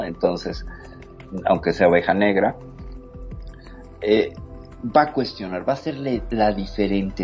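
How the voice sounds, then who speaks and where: A man hosting a talk show, lecturing in an expressive way that swings between loud and soft. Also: deep voice, muffled recording. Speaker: host. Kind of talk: reflective talk show commentary.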